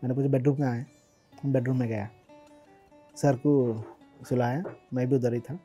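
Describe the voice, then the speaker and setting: Male interview guest, mellow tone, chatty anecdotal delivery, light English mixing. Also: medium pitch, steady tone, moderate pace, slightly rough, faint music behind. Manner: chatty, mixes English words, laughs while recalling. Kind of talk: casual personal storytelling.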